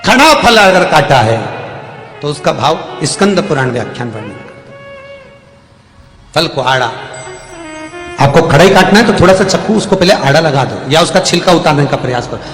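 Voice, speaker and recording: Guy telling a devotional story sermon, lively, kinda high voice, big echoey hall, faint music. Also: moderate pace, pauses often. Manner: animated storytelling. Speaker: religious storyteller.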